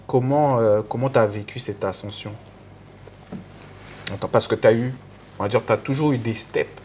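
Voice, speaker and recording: A man's voice: mid-range voice, moderate pace, darkish tone, a little hiss or hum. A man hosting a casual interview, encouraging, often agreeing and echoing his guest's words. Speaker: interview host.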